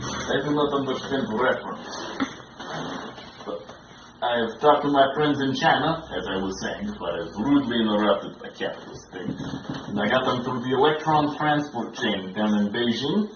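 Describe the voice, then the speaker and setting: Brief: young man putting on a fake-Russian schemer, broken English, deadpan boasts, echoey dull lo-fi room with clear noise behind. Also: mid-range voice, normal speed, natural voice. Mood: smug. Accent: fake Russian accent. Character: scheming male Russian company man, mock-serious. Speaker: student actor in class skit. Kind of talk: amateur school skit.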